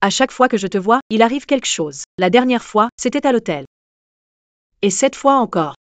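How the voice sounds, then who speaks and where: An actress dubbing a feisty, sharp-tongued young waitress in a drama series, blunt and teasing. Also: female voice, on the high side, animated, normal speed, no echo, close to an everyday voice. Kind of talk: French dub of a drama series.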